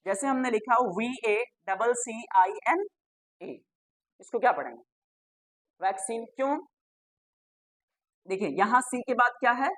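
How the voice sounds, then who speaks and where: A fairly high-voiced woman teacher runs a classroom grammar lesson. She spells each word out letter by letter, then fires a question at the class and answers it herself, with a joke for the pupils now and then. The sound is dry and close, with no room echo. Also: expressive, unhurried, pauses often. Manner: spells words out letter by letter and repeats them.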